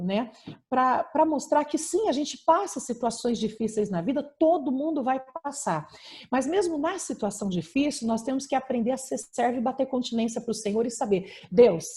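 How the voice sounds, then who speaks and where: A woman's voice: a little high, dark tone. A woman pastor with a Brazilian Portuguese accent, preaching and giving a personal testimony over a video call, emphatic, with frequent tag questions.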